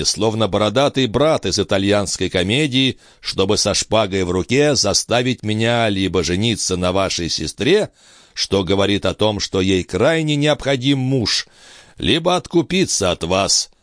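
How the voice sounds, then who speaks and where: A man voicing a tired, haughty count who answers slowly and with calm disdain. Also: fairly low pitch, no echo, clean studio sound, natural voice. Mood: disdainful. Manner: slow, languid, condescending.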